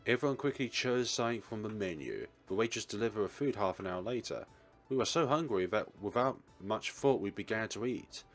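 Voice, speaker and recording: This let's-play narrator reads a visual novel aloud fairly quickly, using a lowish voice with lively intonation. He's expressive but occasionally trips over a line, with game music playing underneath.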